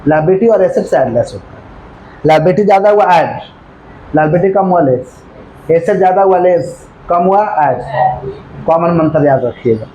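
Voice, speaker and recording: A male commerce teacher giving a classroom lecture, asking the class again and again if they follow, and slowing right down to dictate. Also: fairly high pitch, animated, dark tone, a little hiss or hum, poor audio. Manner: repeatedly checks understanding with questions; dictates slowly, then rattles off explanations.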